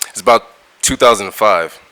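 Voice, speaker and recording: A middle-aged music producer from California, United States, appears as a guest in a casual interview. His very low, resonant voice sounds forceful and crisp at a moderate pace. He's laid-back and slangy, repeating words and restarting sentences as he goes.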